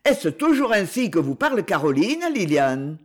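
Taking the part of a severe young nobleman, a woman sounds commanding, delivering lines firmly, coldly, and with irony. Her voice sits on the low side, very animated, at a moderate pace.

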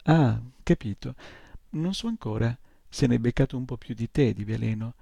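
Gruff old gnome healer woman, brusque and scolding, gravelly and husky, read by a man. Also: medium pitch, animated, moderate pace, warm tone, dry recording.

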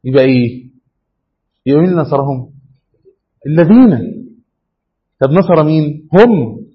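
Husky egyptian sheikh quizzing his class. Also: on the high side, animated, moderate pace. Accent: Egyptian Arabic. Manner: quizzes students, repeats and prods them to focus. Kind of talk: classroom lesson with questions to students. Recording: dull lo-fi classroom recording.

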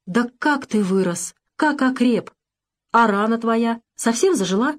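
Woman narrator playing a frail, fretful old father in an audiobook, voice pushed a little higher. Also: expressive, measured pace. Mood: moved. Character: older man, frail father with asthma, shortsighted.

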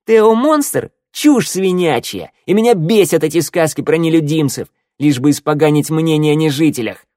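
A man voicing a shrill, scornful young woman. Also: lively intonation, moderate pace, warm tone, no echo, studio quality, close to an everyday voice. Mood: indignant.

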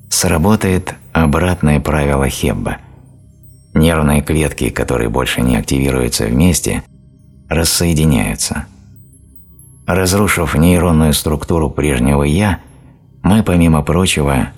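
A man narrating a self-help audiobook in a steady, explanatory reading style. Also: very deep voice. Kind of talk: scripted narration.

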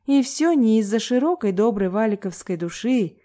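Woman narrator, audiobook reading, warm mellow tone, measured delivery. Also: on the high side, lively intonation. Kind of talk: reading a novel aloud.

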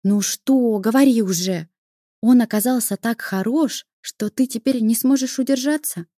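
Woman doing a teasing sister, playful and mocking, warm mellow voice, dry sound. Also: a little high, moderate pace, no room sound, close to an everyday voice. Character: teasing cheerful younger sister, adult woman.

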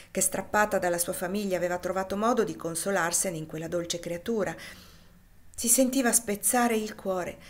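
A woman reading a classic novel aloud as an audiobook, in a measured, expressive narration. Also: mid-range voice. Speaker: reader.

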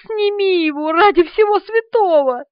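A woman's voice: fairly high pitch, big pitch swings, a little slow, no echo, dull audio. A woman voicing a young woman terrified of insects, who squeals and panics as she reads the part in an audiobook. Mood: panicked.

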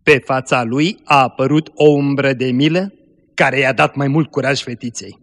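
A man narrating a story aloud in a slow, measured way. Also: mid-range voice, fairly even intonation, a bit bright, big-room sound. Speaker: story reader.

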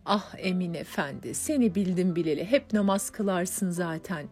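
A woman's voice: lowish voice, moderate pace, a little mellow, slightly rough. A woman voicing a mild, kind middle-aged mother in an audiobook.

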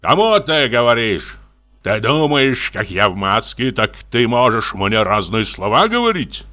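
A rowdy drunken brute in a mask, bellowing and jeering, his voice lively and bright as it swings around, as a man reading the story puts him on. He mocks everyone with booming laughs. A storybook bully through and through. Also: measured pace. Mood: jeering swagger. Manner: boisterous, mocking, laughs loudly. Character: drunken swaggering masked man, rude and jeering.

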